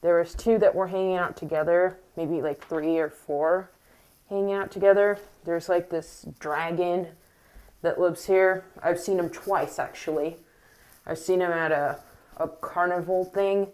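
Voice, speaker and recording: A young woman vlogging in a casual, rambling monologue full of fillers and restarts, her voice a little squeaky from the morning and talking through a mask. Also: steady tone, unhurried, darkish tone, smooth, low-quality recording. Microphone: wearing a mask.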